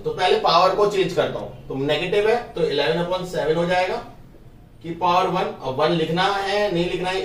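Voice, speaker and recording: Math teacher in a roomy room. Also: male voice, fairly high pitch, far from the mic. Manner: talks through each step of the working, asks pupils if it is clear. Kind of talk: casual classroom explanation. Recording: roomy, from off the mic.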